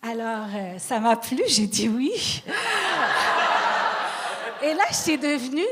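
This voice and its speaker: Humoriste à l'accent non québécois, voix aiguë. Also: female voice, on the high side, lively intonation, slow. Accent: non-Québec French accent. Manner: storytelling, self-mocking, laughing. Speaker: stand-up comedian. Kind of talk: stand-up routine.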